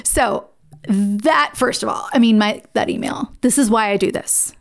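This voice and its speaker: A woman's voice: a little high, a little slow, vocal fry. A middle-aged woman hosting a podcast interview, effusive and enthusiastic in how she talks. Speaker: podcast host.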